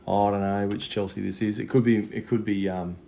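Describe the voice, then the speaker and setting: A man's voice: lowish voice, little pitch movement, a little fast, dark tone. A man chatting casually on a livestream as a psychic medium, matey and sweary with plenty of slang. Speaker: psychic medium giving live readings. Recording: clear background noise.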